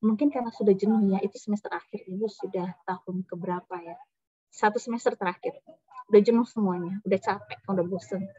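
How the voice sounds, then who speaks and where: A woman lecturer teaching a class, talking lively and acting out short quoted voices. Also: mid-range voice, fast, breathy edge, dull audio. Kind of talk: university lecture.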